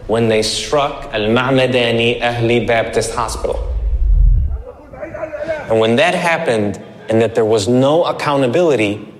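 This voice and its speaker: Man speaking slowly in a reverberant film clip. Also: mid-range voice. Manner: slow, deliberate explanation. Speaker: doctor. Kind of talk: speaking in a documentary. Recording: film clip with long reverb and faint ambient noise.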